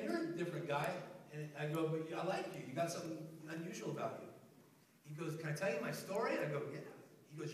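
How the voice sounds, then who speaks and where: A man's voice: sits high, a bit bright. A man giving a fiery motivational speech with a preacher's call-and-response style, spoken to a live audience. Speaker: motivational speaker. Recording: echoey hall, far from the mic.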